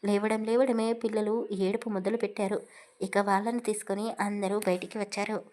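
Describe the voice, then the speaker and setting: A woman narrates a romantic audio story in a steady, even manner. Her voice sits at an ordinary middle pitch, and her reading stays measured and calm.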